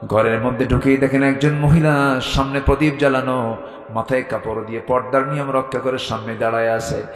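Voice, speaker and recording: A man preacher from Bangladesh, telling a story in a waz sermon, swinging between loud high exhortation and low hushed passages. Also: fairly even intonation, a little fast. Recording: echoey hall with faint music.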